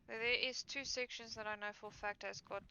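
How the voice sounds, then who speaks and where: A tired woman talks through her survival game, rambling with lots of fillers and stopping to correct herself. Her voice is bright and edged with gravelly fry. The recording is dull and lo-fi, with a faint hiss underneath. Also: a little high, fairly even intonation, brisk. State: tired, yawning. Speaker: gaming streamer. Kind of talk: casual gameplay commentary. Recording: dull lo-fi mic with faint noise.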